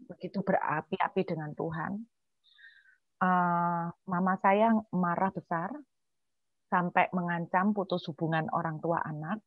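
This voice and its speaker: Woman, low-pitched, earnest testimony in a church chat, dry and slightly muffled call audio. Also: no echo. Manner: earnest, with frequent filler sounds, softening to hushed tones when quoting herself. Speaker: church speaker answering questions. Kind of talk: casual testimony in an online church discussion.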